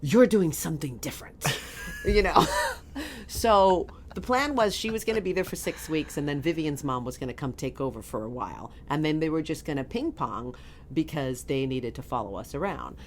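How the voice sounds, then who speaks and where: Low-voiced woman telling a lively story. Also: normal speed, slight background noise. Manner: animated, laughing, acts out quoted voices. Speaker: guest. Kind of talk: casual storytelling in a podcast interview.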